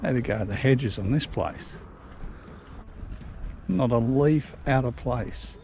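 A middle-aged Australian vlog host walks village lanes and woodland paths outdoors, filming and chatting as he admires the sights. His medium-pitched voice is slow, creaky, and dark, and the rough recording has a little hiss or hum.

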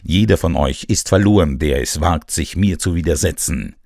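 A man's voice: rumbling low, moderate pace, vocal fry, darkish tone, no room sound, clean studio sound, full character voice. An actor voicing the famous detective as a commanding, authoritative man, declaiming his orders to a crew in an audiobook. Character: commanding male detective confronting a ship's crew. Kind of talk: audiobook character voice.

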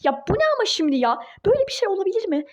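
A woman's voice: very high voice, very animated, very fast, darkish tone. A woman voicing a furious, indignant young wife in a toy-game role-play drama, speaking in exclaiming outbursts. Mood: outraged.

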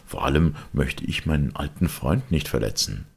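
A man's voice: a bass voice, lively intonation, moderate pace, vocal fry, slightly rough, exaggerated voice. A man voicing a resolute, middle-aged male lawyer in an audiobook, speaking firmly and emphatically. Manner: firm and emphatic. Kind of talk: audiobook character reading.

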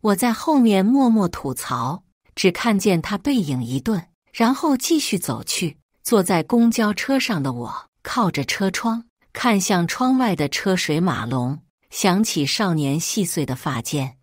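Expressive woman storyteller. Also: medium pitch, a little slow, hardly any pauses, no room sound, clean studio sound. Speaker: story reader. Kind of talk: scripted first-person story narration.

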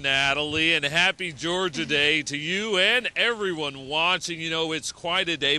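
Very bright-voiced American man, field reporter. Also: fairly high pitch. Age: middle-aged. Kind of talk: live TV news report. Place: outdoors on a sidewalk. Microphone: handheld microphone.

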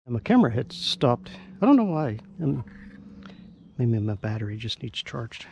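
At dawn on a riverbank, a fishing vlogger chats casually while he fishes, explaining each step as his camera mic records. His mid-range voice is sing-song and a little mellow, with vocal fry and normal pacing. Faint birdsong, outdoor ambience and slight background noise sit behind him.

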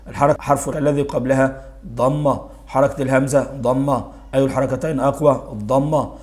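A man's voice: mid-range voice, a little mellow. Egyptian male teacher quizzing himself aloud. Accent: Egyptian Arabic. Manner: asks rhetorical questions and answers them himself; repeats key words for emphasis. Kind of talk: primary school grammar lesson.

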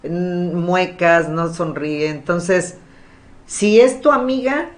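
A woman hosting a podcast in a casual, chatty storytelling manner, often pausing with fillers. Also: on the low side. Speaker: podcast host. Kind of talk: casual chat.

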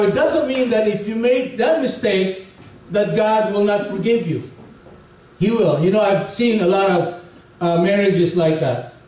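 Pastor preaching in an echoey hall. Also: male voice, high-pitched, a little mellow, recorded from a distance. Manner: conversational preaching with humor and chuckles. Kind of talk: sermon. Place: church hall stage with large windows behind.

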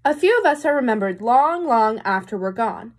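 A young adult woman with a higher-sitting, animated voice reads a picture book to children at a moderate pace, much like a teacher. She adds explanatory asides and asks her listeners questions, all in a small indoor room.

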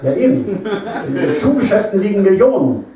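A man's voice: sits high, sing-song, brisk, far from the mic, noisy background, pitched above the performer's own voice. A man voicing a brash young woman hitchhiker who is bold and pushy, during a live literary reading in an echoey venue. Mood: eager.

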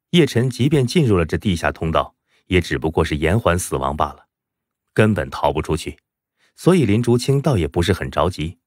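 Deep-voiced dramatic male storyteller. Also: no echo, studio quality. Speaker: audiobook narrator. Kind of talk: scripted web-novel narration.

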